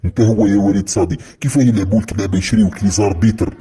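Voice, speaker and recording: A man with an Algerian accent delivering a heated, accusatory monologue as a football commentator, repeating his points forcefully. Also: on the low side, fairly even intonation, racing, breathy edge. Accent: Algerian Arabic. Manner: heated, accusatory, repetitive rant. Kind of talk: impassioned monologue.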